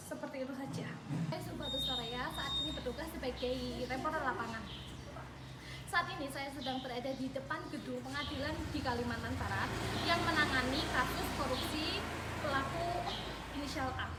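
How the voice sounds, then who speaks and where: A woman's voice: sits high, natural voice. A woman playing a field reporter in a parody live news report, presenting a little hesitantly and repeating herself. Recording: roomy, distant mic with clear noise.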